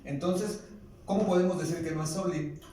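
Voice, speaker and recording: A man's voice: high-pitched, moderate pace, warm tone. A man with a Mexican Spanish accent teaching a language class, explaining patiently and questioning his students. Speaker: Nahuatl teacher. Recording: echoey room, distant mic, faint noise.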